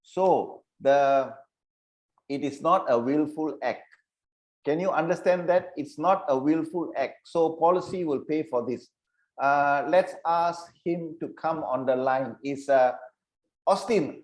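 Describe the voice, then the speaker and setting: A man leads an online insurance training session with a slightly raised pitch. He repeats key phrases and keeps checking whether his listeners understand. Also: unhurried, a little mellow, rough recording.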